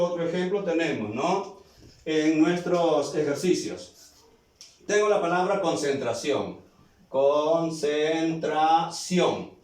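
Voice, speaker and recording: A man with a Peruvian Spanish accent teaching a spelling lesson at a very slow, deliberate pace, stretching out each example word. He asks questions and then answers them himself. His fairly high voice bounces around a very echoey room, some distance from the mic. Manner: slow, drawn-out words, plays both the question and the answer. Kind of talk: spelling lesson, talking to students.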